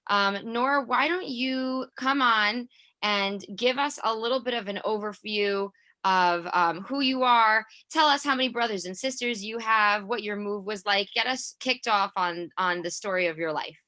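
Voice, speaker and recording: Woman host on zoom, bright crisp voice, dry sound, upbeat intro. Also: mid-range voice, a little slow, no room sound. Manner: upbeat, friendly invitation to speak. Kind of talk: introducing a guest on a video call. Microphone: video call.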